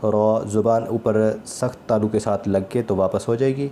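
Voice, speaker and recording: Male recitation teacher, low even voice, calm and patient, drills letters slowly with faint hiss behind. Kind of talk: slow spoken lesson on letter pronunciation.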